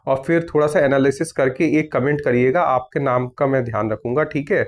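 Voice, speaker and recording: A man's voice: medium pitch, a little fast. A young man who runs an exam news channel, answering viewer comments one after another in a casual, firm way. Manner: reads comments aloud and answers firmly, with many "theek hai".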